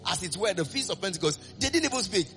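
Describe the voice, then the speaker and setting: A man preaching a sermon, animated and sing-song, asking the congregation call-and-response questions. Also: sits high, fast talker, faint music behind.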